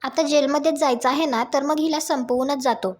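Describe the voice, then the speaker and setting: A woman reading out the lines of a furious middle-aged husband who blames his wife for ruining his life, in her own high voice. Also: steady tone, fairly quick, lightly acted.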